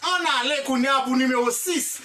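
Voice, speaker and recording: An English teacher with a Haitian accent giving a live online lesson, animated and repetitive, often checking in with the class and praising viewers by name. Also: high-pitched, normal speed, far from the mic. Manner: animated, repetitive, checks in with "hein?" and "vous comprenez?".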